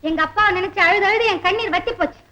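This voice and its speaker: An actress playing a proud, quick-tempered young woman in an old film drama, sharp and indignant. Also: very high voice, slight background noise. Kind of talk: 1950s-60s film acting.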